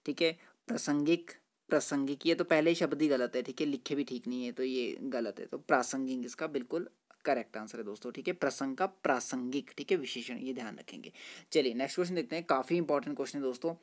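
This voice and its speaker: A man's voice: mid-range voice, fast. A friendly male teacher walks through exam questions one at a time in a chatty tutorial voice. He fills his explanations with "ठीक है" and "दोस्तों" and explains each answer patiently.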